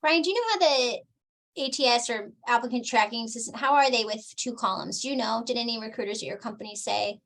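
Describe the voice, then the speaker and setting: Female career coach, fairly high voice, friendly and tentative, casual workshop question. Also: fast, fairly bright tone. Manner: friendly, hesitant, trails off.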